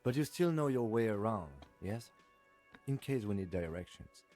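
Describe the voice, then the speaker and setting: An actor voicing a calm, reserved male police lieutenant in a video game, speaking in a dry, measured way. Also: on the low side, soft background music, close to an everyday voice.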